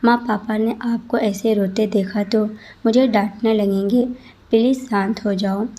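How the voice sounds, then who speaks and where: A woman's voice: medium pitch, steady tone, unhurried, warm tone, natural voice. A woman voicing a flustered young husband in a read-aloud story, pleading and exasperated.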